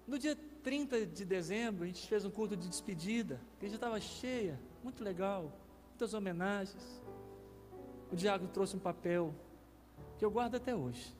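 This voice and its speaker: In a church, a male pastor with a Brazilian Portuguese accent tells a testimony during a sermon, his delivery rising in emotional swells. His voice sits high and is a little mellow, with a big-room sound.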